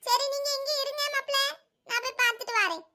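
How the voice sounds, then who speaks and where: A woman's voice: very high-pitched, fast, sharp tone, pitched above the performer's own voice. A woman voicing a chatty, fussing older mother-in-law in a cartoon, with a Thoothukudi Tamil accent, heard a bit away from the mic. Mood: fussy.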